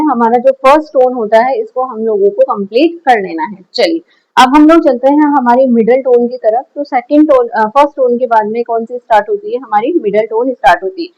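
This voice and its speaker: A woman's voice: a little high, darkish tone, highs cut off. A woman teaching a shading lesson step by step, patiently asking the class questions and answering them herself. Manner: frequent checks like "clear?". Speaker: drawing teacher.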